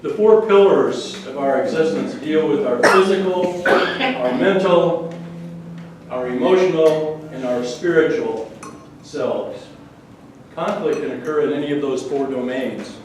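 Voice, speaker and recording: A man with a loud, powerful voice giving a speech to a club audience and putting rhetorical questions to them. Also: on the high side, measured pace, noisy background. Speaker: speaker. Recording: echoey room, from far off.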